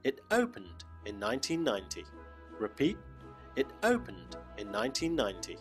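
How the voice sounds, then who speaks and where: A man hosting an English lesson in clear, teacherly scripted narration, slowing down for examples. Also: mid-range voice, huge pitch swings, soft background music. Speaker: lesson host.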